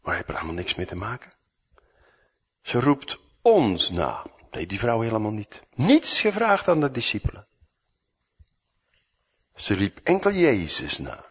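A man preaching a sermon, acting out the dialogue and swinging from loud to hushed. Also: on the low side, very animated, unhurried, long pauses, breathy edge.

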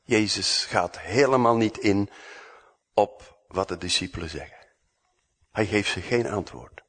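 A man preaching a sermon, acting out the dialogue and swinging from loud to hushed. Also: lowish voice, measured pace.

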